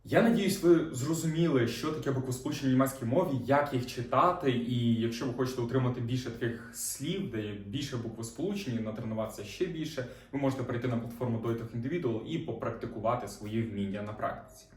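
A man teaching a beginner language lesson, explaining reading rules patiently and repeating example words slowly. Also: medium pitch, recorded from a distance, faint music behind. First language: Ukrainian. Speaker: German teacher. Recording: roomy, off-mic sound.

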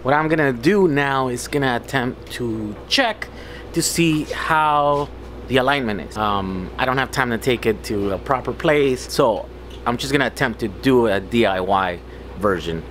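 A man's voice: medium pitch, expressive, normal speed, fairly bright tone, slight background noise. A man in his thirties, a vlogger, casually explaining a hands-on repair job in his home garage and thinking aloud as he works. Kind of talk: casual DIY vlog.

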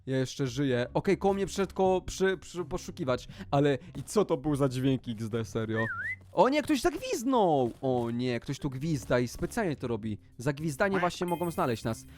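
A man hosting a gaming video, commentating excitedly as he plays and often breaking into loud, high exclamations. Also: moderate pace, few pauses, slight background noise.

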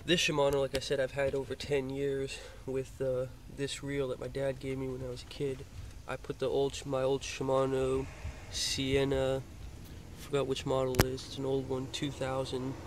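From inside a car, a young Floridian rambles through his fishing gear in a casual show-and-tell packed with hesitant fillers. His mid-range voice is completely flat at a moderate pace, and the handheld phone pointed down at the gear yields a noisy recording.

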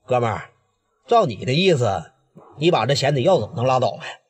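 A man voicing a protective, hot-tempered gang leader with a Northeastern Mandarin accent, speaking low and steady. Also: brisk, breathy edge, big-room sound. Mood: stern. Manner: low and steady, turning fierce.

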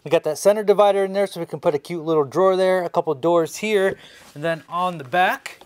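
His voice is high, clear, and resonant, and he talks fairly quickly. A forties-aged American, he narrates a relaxed, conversational woodworking tutorial inside a workshop studio.

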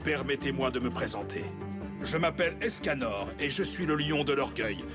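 Proud, courtly cartoon strongman, male actor, mid-pitched and lively, pompously polite and vain. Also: normal speed, loud music behind the voice, natural voice. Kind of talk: French anime dub.

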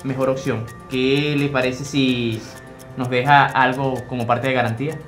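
A man's voice: medium pitch, steady tone, a little slow, fairly bright tone, soft background music, close to an everyday voice. Man as cynical young clerk, web drama, roomy store echo. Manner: sarcastic, scolding. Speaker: store employee Luis. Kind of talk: scripted web drama acting. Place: indoor clothing store.

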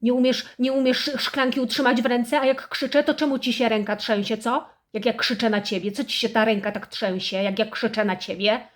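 A woman performs a satirical monologue as a harsh, house-proud middle-aged mother wallowing in self-pity, nagging until she breaks into shrill scolding. Her delivery is unhurried and her voice natural.

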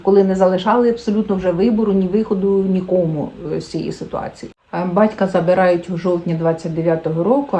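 Casting note: woman book blogger, casual vlog, mellow and unhurried, chatty with fillers. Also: on the low side, rough recording. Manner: chatty, thinking aloud with fillers.

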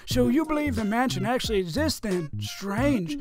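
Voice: mid-range voice, lively intonation, normal speed, over music, pitched above the performer's own voice, close to an everyday voice. A gamer putting on a folksy old professor. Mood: fussy. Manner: theatrical, folksy old-timer phrasing. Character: eccentric old male ghost-hunting professor. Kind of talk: let's-play voice acting.

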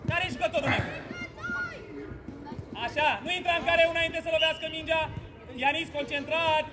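High-pitched man coaching from the sideline. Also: flat delivery. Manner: urgent, instructive, repeats player names. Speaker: youth football coach. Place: outdoor football pitch. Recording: noisy outdoor crowd.

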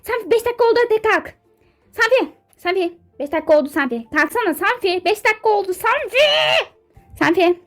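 A woman doing a shrill, bossy, hyper young model. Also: animated, a little fast, faint music behind. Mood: excited. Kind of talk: game character role-play dub.

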